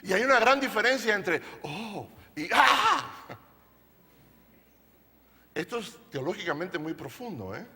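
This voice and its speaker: A man's voice: sits high, very animated, a little fast, few pauses, bright, forceful tone, in a large hall. A male pastor preaching a sermon to a congregation, emphatic and playful, often asking them questions. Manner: playful, jokes with the audience. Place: church service.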